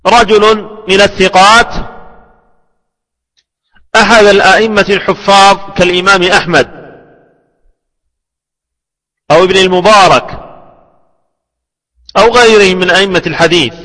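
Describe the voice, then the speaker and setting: A man with a high, bright voice teaches a classical religious text. He speaks slowly and repeats each phrase for dictation. His voice rings with a long reverb, as if he is in a large hall. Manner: deliberate, repeats phrases for students to write. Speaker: Islamic scholar teaching hadith terminology. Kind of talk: slow classroom lecture with repetition for dictation.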